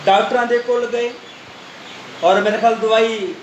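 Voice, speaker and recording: A Punjabi-accented pastor preaches to a congregation and echoes back each verse as it is read aloud. The room rings with echo, and loud background noise hisses under his voice. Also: sits high, steady tone, a little slow. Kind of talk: Punjabi sermon with call-and-response Bible reading.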